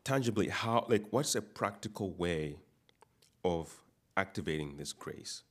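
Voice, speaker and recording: A man's voice: sits low, animated, a little slow. A man from Uganda preaching a sermon, repeating words and restarting phrases as he builds emphasis.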